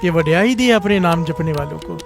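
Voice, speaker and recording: A man delivers a devotional sermon in a high voice, weaving a story between refrains the congregation answers. Soft music plays faintly underneath. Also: expressive, a little fast, gravelly. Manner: calls out refrains for congregation response. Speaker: preacher.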